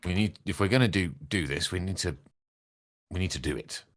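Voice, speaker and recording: A man's voice: sits low, a little fast, a bit bright, slight background noise. A man speaking as a player in a tabletop role-playing game, wry and wordy, with old-fashioned turns of phrase. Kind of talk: in-character tabletop game chat.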